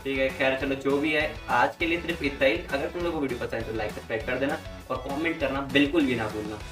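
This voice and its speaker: A man's voice: mid-range voice, fast talker. A man closing his vlog, talking casually and directly to his viewers. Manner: casual, speaks straight to viewers. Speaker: vlogger. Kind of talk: video outro. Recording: echoey room, distant mic, guitar music.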